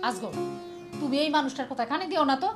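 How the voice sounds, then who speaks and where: An actress playing an exasperated, sharp-tongued middle-aged village wife, scolding in a rural Bangladeshi accent in a comic TV drama. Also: female voice, high-pitched, animated, quick pace, loud music behind the voice.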